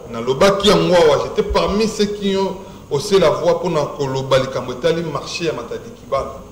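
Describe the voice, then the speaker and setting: Man, Congolese accent, talk show host, emphatic, slightly high pitch, roomy echo. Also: slight background noise. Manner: emphatic and rhetorical. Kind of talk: studio talk show, mixing French and Lingala. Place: TV studio set.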